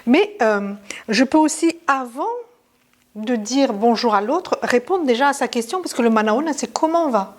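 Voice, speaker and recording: A woman's voice: a little high, expressive, normal speed. A woman teaching a language lesson in a casual, chatty way, with many fillers and restarts.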